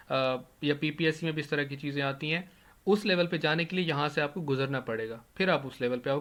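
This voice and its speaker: A man gives an English grammar lesson over a screen recording. His voice sits fairly high, and he asks the class questions and answers them himself. He slows right down to spell out each English example, and keyboard typing can be heard behind him. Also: fairly bright tone. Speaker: English teacher.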